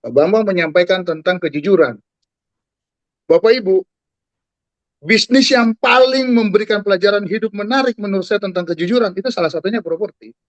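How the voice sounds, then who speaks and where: A man in his forties speaks with a fairly high, lively voice. He addresses his audience directly, like a preacher. The call audio sounds dull and dry, with no room around it. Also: fairly quick, no room sound. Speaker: guest speaker. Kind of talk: talk to an online audience. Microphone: video call.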